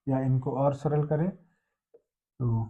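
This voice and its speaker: A man's voice: medium pitch, fairly even intonation, very slow. A man teaching a grammar lesson step by step, asking questions and answering them himself. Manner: explains step by step, asks and answers own questions. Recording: dull lo-fi sound.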